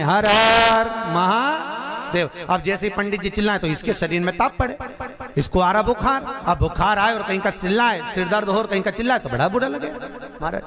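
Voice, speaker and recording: Animated preacher man before a crowd. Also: sits high. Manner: animated, rhetorical questions to the crowd. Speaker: Shiv Puran preacher. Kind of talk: devotional sermon storytelling. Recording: crowd audible behind voice. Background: crowd laughing and responding.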